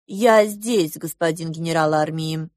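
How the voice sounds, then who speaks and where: Woman reading a quiet dutiful young judge. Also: low-pitched, measured pace, no room sound, studio quality. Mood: formal. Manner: quiet, formal, obedient. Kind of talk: audiobook character voice.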